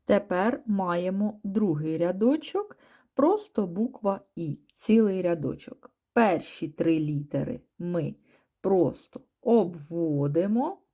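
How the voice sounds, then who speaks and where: A woman teaching a first-grade class, patiently sounding out letters one by one and using gentle diminutive words for small children. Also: on the low side, expressive, takes it slowly. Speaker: primary school teacher. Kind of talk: first-grade reading and writing lesson.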